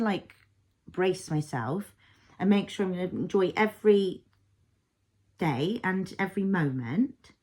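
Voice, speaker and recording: A mother and vlogger in her thirties talks through her thoughts in a casual personal vlog, her voice medium-pitched with a darkish tone. She rambles reflectively, with plenty of fillers.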